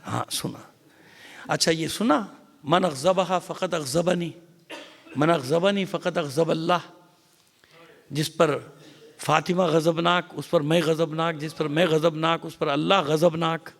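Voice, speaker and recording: A man with a Pakistani accent, a cleric giving a mourning sermon as dramatic storytelling that swings from loud cries to hushed whispers. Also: a little high, steady tone, vocal fry. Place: large mosque hall. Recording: long reverb of a mosque hall.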